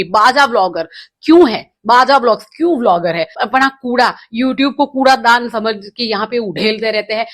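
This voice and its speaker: A woman's voice: fairly high pitch, fairly bright tone. A woman hosting a casual roast commentary, talking in a sarcastic, mocking, ranting way. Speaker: commentary host.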